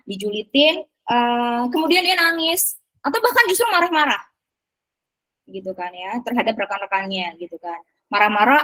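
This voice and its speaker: Woman teacher, fairly high voice, halting delivery full of fillers, addressing colleagues. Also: low-quality recording. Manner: hesitant, many fillers and tag questions. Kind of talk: presentation to fellow teachers.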